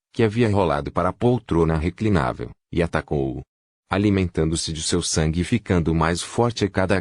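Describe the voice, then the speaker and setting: A man narrating a fantasy novel as an audiobook, reading in a steady, even pace. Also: deep voice, no echo, clean studio sound.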